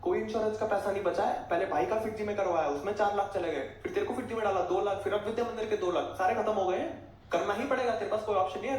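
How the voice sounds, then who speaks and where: A man's voice: high-pitched, pitched above the performer's own voice, lightly acted. A male stand-up comedian voicing an exasperated middle-aged mother who nags and frets about money. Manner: scolding, rapid complaining lists. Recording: echoey, distant and noisy stage recording.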